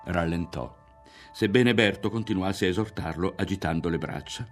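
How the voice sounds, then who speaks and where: A man reading a literary novel aloud in a measured, expressive way, often dropping to a hushed tone. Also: low voice. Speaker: audiobook reader. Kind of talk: literary audiobook narration. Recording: faint music underneath.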